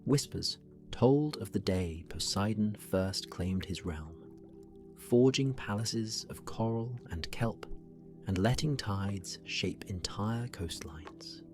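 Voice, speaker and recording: A man working as a sleep story narrator, guiding relaxation in a gentle, soothing, hushed delivery that drifts toward a whisper. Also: fairly low pitch, expressive, faint music behind. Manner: slow, gentle, soothing, often falling near a whisper.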